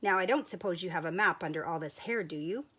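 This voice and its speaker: A woman voicing a cheerful, bossy female sheep who thinks she knows everything, speaking brightly and loudly in a storybook reading. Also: fairly low pitch, fast, slightly rough. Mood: eager.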